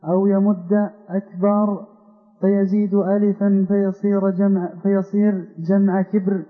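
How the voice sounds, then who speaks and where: A man reading a religious text aloud for the lesson in an even, recited delivery. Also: high voice, a little slow. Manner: flat recitation. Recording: tinny phone-like hall recording with long reverb.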